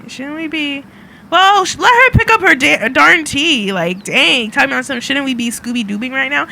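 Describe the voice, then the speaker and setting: A woman playing through a narrative game, reading the text aloud and reacting in a chatty, excitable way. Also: sits high, normal speed, creaky. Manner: chatty, excitable, laughs a lot. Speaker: game streamer. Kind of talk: let's play commentary and reading aloud.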